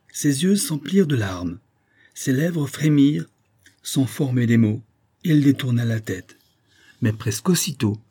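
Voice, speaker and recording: A man's voice: medium pitch, dark tone, slightly rough. A man voicing a frank, fatherly older baron who speaks earnestly and cordially. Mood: warm.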